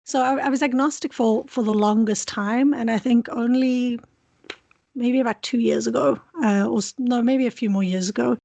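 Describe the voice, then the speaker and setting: Creaky and dark in tone yet fairly high in pitch, her voice stays steady at a moderate pace, with no room sound. She is a South African PhD student with a South African accent, an interview guest who speaks openly and thoughtfully but keeps restarting.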